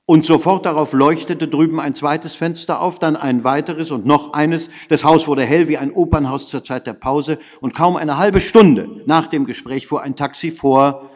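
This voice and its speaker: Man reading a hushed literary tale. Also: a little high, normal speed. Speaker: audiobook reader. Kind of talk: literary narration. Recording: long reverb.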